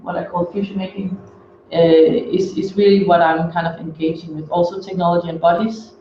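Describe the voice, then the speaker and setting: A man's voice: high voice, flat delivery, fairly quick, darkish tone. Hesitant man in a roomy hall. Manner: hesitant, restarting phrases. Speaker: workshop participant. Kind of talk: conference session round. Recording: roomy, muffled, faint noise.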